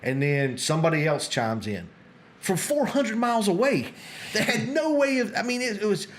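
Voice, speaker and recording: A man's voice: high-pitched, big pitch swings, normal speed, a little hiss or hum. A middle-aged man hosting a podcast, chatting casually and rambling with frequent restarts. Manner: rambling, restarts often, gets sidetracked. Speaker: podcast host. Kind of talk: casual conversation.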